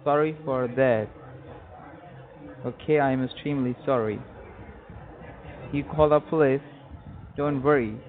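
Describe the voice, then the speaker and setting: A young man prank-calls in halting, broken English and repeats the same short phrases. His voice is of middling pitch for a man and comes through a tinny, phone-like line. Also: fairly even intonation. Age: young adult. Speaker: prank caller. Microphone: telephone.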